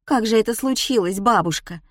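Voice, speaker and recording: A bitter middle-aged mother of a storybook complains in heated, exclaiming bursts, played by a woman narrator. Her voice sits a little higher than the narration. The recording is close and dry. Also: a little slow, a little mellow, no echo, lightly acted. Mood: softened. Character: embittered middle-aged mother, quick-tempered.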